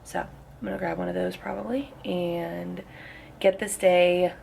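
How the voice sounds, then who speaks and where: A woman's voice: lowish voice, fairly even intonation, a little slow, vocal fry, a little mellow, slight background noise. A young woman with a Southern US accent, a flight attendant chatting casually to her phone camera in a rambling, tired way. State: tired morning voice. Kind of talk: casual vlog chat. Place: hotel room and airplane galley.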